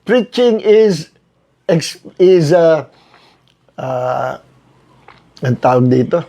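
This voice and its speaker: A middle-aged Filipino man, a pastor, giving a relaxed Bible study talk, mixing in English terms and tagging his points with quick questions to listeners. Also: a little high. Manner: chatty, mixes English terms, frequent "no?" tag questions, chuckles. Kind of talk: conversational Bible study teaching. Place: online livestream Bible study.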